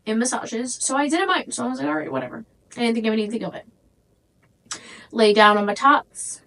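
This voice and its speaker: A woman's voice: fairly high pitch, fairly quick, poor audio. A candid young woman spinning a crude tale. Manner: candid, crude, animated storytelling. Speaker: podcast host. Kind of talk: casual storytelling.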